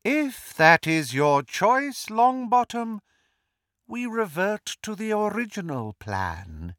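Voldemort, high silky hissing dark lord. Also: male voice, expressive, no room sound, clean studio sound, full character voice. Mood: cold threat. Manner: slow, drawn-out, pompous menace. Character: cold, menacing male dark wizard lord, mocking.

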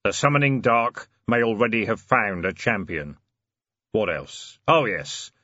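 A deep, measured voice for a mysterious hooded man who talks slowly and gravely, as a narrator puts him on. The tone is husky, and the recording sounds dull and dry. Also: sing-song, bright, forceful tone, no room sound, full character voice. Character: hooded broad male stranger, grave and mysterious.

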